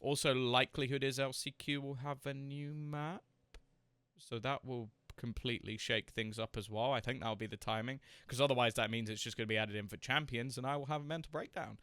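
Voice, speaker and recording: Man with a crisp, bright voice. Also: mid-range voice, fairly even intonation, fairly quick, no echo. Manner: hesitant, repeats words while thinking aloud. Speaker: podcast host. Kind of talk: casual esports podcast chat.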